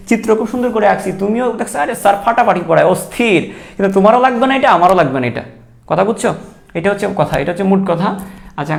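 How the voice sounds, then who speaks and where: Young guy tutoring, high gravelly voice, talks fast and jokes a lot. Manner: chatty, joking, repeats key points. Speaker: teacher. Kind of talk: online exam-prep lecture.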